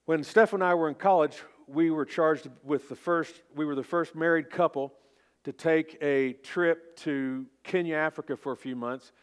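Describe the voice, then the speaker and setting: A man's voice: fairly high pitch, normal speed, smooth. A man in his fifties with an Oklahoma accent, preaching as a pastor in a folksy, informal, self-deprecating way. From Oklahoma, United States. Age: 50s. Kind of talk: sermon.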